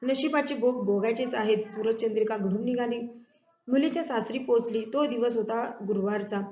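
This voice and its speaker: Woman narrating a devotional tale, echoey. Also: on the high side. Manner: measured, expressive telling that acts out the dialogue. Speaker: storyteller. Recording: echoey, dull lo-fi room.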